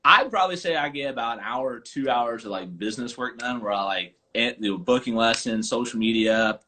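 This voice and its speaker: Bright-voiced chatty man. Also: medium pitch, a little fast. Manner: animated, chatty storyteller. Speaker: golf coach and podcast host. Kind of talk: casual storytelling chat. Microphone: live video chat.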